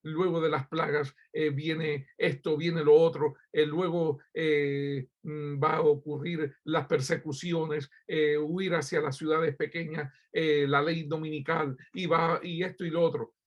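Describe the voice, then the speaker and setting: A man's voice: fairly high pitch, flat delivery, measured pace, few pauses, lo-fi sound. A man from Cuba preaching a sermon as pastor, addressing listeners directly with rhetorical questions and frequent hesitant fillers.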